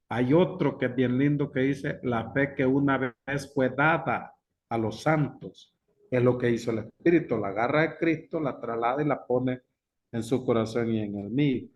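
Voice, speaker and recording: A pastor teaching a Bible class, speaking slowly and emphatically and repeating key words. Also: male voice, medium pitch. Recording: dull lo-fi recording.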